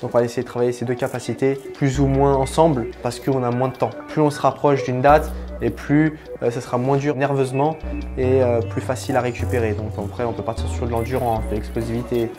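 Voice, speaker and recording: A man, a fitness coach, explaining training plans briskly in a documentary interview. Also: medium pitch, flat delivery. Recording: music bed under the voice.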